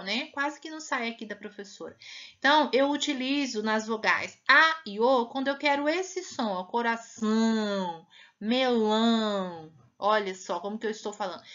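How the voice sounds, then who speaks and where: A woman from Brazil who teaches primary school, giving a recorded lesson and patiently sounding out words slowly to show them. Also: a little high, sharp tone. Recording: muffled lo-fi sound.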